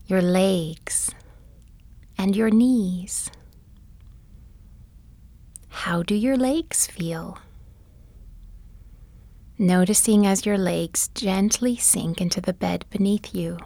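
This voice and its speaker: A woman guiding a bedtime body-scan meditation, speaking softly and gently, often in a whisper. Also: medium pitch, no room sound. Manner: soft, often whispered delivery; gentle, soothing and unhurried. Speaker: meditation guide.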